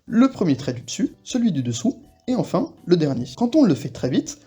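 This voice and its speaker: A man teaching a casual video lesson, explaining relaxedly and repeating example words slowly. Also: high voice, big pitch swings, warm tone. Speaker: Korean language teacher.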